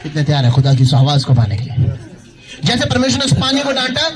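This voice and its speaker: High-voiced male pastor preaching. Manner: preaching with rising calls of hallelujah and thank you Jesus; asks the congregation questions. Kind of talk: sermon. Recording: loud background noise.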